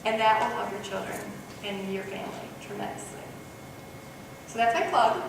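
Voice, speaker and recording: A woman giving a parenting workshop to a live group, animated, acting out parent and child voices. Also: mid-range voice, normal speed, distant mic, slight background noise. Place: workshop room. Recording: echoey room recorded from afar.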